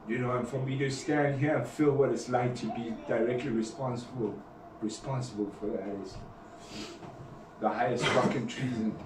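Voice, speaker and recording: Low guy confessing, halting and sweary, far from mic in an echoey noisy room. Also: steady tone. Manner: halting, repeats words, swears. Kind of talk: emotional confession.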